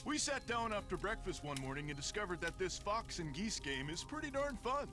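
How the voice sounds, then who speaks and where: An actor playing a folksy, boastful middle-aged construction worker in a mystery game, with a Canadian accent. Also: male voice, high-pitched, big pitch swings, fairly quick, over music. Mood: gruff. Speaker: game character.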